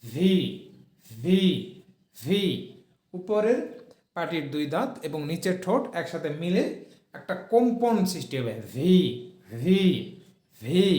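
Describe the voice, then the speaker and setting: A man's voice: sits high, a little mellow, echoey room. A man teaching letter sounds in a spoken lesson, repeating each sound several times for learners to copy. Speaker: English pronunciation teacher.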